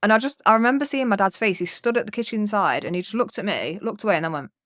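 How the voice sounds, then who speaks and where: A woman's voice: medium pitch, lively intonation, fast talker, a bit bright, no room sound, clean studio sound. A young woman telling a rambling childhood story on a podcast, swearing freely and acting out what people said. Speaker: podcast co-host. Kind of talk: casual storytelling.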